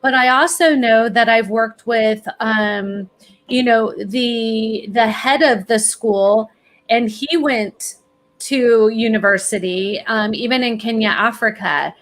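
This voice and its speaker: Encouraging woman giving advice, higher voice. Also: slow pace, fairly bright tone. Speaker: college planning expert, guest. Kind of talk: podcast interview.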